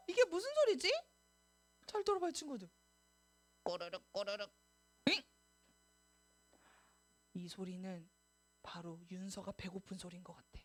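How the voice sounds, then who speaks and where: A woman, a children's pastor, telling a Bible story in a sermon for little children, animated and asking them questions. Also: mid-range voice. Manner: animated, sing-song, asks the children questions.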